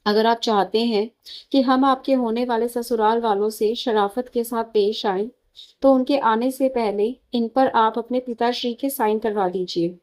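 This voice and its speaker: A woman's voice: on the high side, steady tone, a little slow, a little mellow, lightly acted. A woman reading the lines of a proud, defiant young woman in a storybook tale, firm and taunting.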